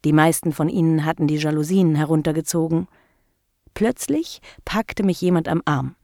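Female narrator for a first-person story: low voice with gravel, intimate and measured. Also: dark tone, no room sound, studio quality. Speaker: audiobook narrator.

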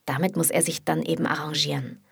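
Woman voicing a relaxed, self-assured young man. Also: low voice, brisk, creaky, breathy edge, exaggerated voice. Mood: easygoing. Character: easygoing young man, confident lover. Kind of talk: audiobook character voice.

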